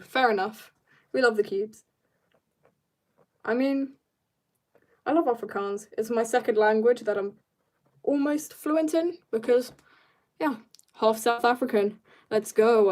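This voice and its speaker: Speaking slowly with long pauses, a woman with a voice on the high side hosts a casual art stream. She reads viewer comments aloud, responds, and murmurs quietly to herself as she draws, admitting she feels tired.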